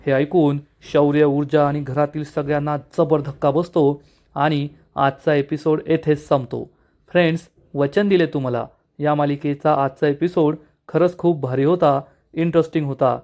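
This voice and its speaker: Guy narrating a tv episode recap, dramatic, soft mellow tone, kinda high voice. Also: fairly even intonation, normal speed. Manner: dramatic storytelling. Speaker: serial recap host.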